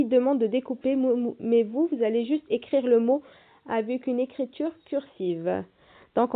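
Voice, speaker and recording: Woman, primary teacher, slow and patient, spells out letters, a touch high, thin phone-quality audio. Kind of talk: primary school reading lesson.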